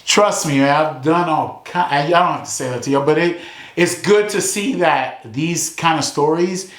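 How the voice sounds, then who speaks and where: A man's voice: on the high side, normal speed, a bit bright. A man hosting a casual sit-down conversation. He speaks in an earnest, heartfelt way and often restarts his sentences. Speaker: host. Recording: echoey room.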